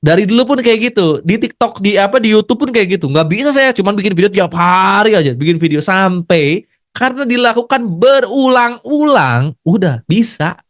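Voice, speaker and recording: A man speaks in a fairly high register. He gives a motivational business talk in an earnest, conversational way, circling back and repeating his points. The sound is dry and close, with no room echo. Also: animated, normal speed. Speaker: network marketing business leader.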